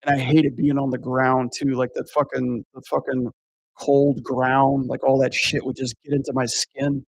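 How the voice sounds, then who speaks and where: A man's voice: medium pitch, level tone, moderate pace, vocal fry, breathy edge, no room sound, rough recording. A man talking in a loose, rambling way, swearing often and leaning on fillers like "like" and "you know.". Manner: rambling, profane, heavy use of filler words. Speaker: podcast guest recounting a haunted house job. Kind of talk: casual chat.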